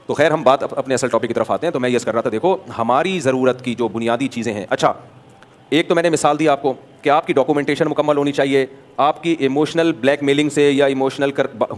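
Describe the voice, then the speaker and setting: Male religious scholar from Pakistan, somewhat high-pitched, with a chatty, anecdotal sermon delivery. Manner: animated storyteller, acts out dialogues, rhetorical questions.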